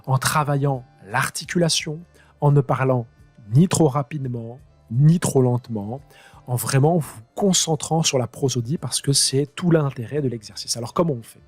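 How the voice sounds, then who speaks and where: A man teaching his high school students how to use a piece of software, talking them through each click as he improvises. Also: normal speed, faint music behind. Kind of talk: screen-recorded software tutorial.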